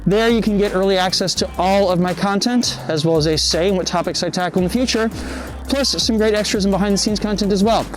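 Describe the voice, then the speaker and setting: A man's voice: sits high, quick pace, faint music behind. A man hosting his own poi spinning channel, talking casually and upbeat to camera outdoors on a cold evening, out of breath. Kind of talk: casual vlog talk to camera.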